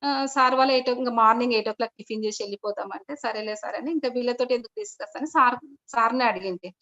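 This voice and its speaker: A woman's voice: a little high, racing, pushed and bright. A middle-aged woman shares her meditation experience, telling the story in a rambling way with frequent restarts and repeated polite address. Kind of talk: personal testimony told to an online meeting. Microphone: video call. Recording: dull lo-fi video call audio.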